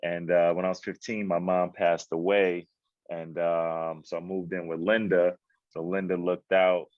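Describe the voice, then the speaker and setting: A man with a very low, deep voice talks in a relaxed, streetwise way, as a podcast guest. The sound is dull and muffled, as on a remote call, and completely dry. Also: measured pace, dry recording. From Queens, New York. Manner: laid-back, streetwise slang. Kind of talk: casual conversational interview.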